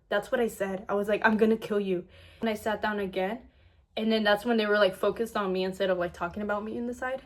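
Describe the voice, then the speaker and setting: A young adult woman recording a casual storytime vlog. She retells events animatedly, acts out what others said, and uses "like" constantly. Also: mid-range voice. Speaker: vlogger.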